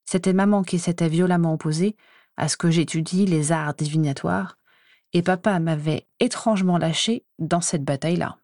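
A woman reading a first-person story aloud in an even, measured way. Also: on the low side, no echo, studio quality. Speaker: audiobook reader.

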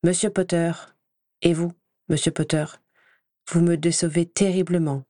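A woman's voice: lowish voice, steady tone, unhurried, dark tone, no room sound, studio quality, close to an everyday voice. A woman reading an audiobook voices a stern older female professor with a cold, clipped, reproachful manner.

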